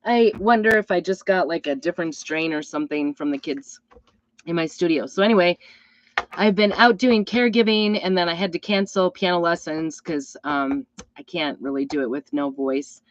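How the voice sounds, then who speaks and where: Hoarse, sick woman chatting, low dull-sounding voice. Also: moderate pace, a little hiss or hum. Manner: rambling, apologetic, chatty. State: sick with a hacking cough and weak, hoarse voice. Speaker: craft host and crafting product seller. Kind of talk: casual live craft demonstration chat.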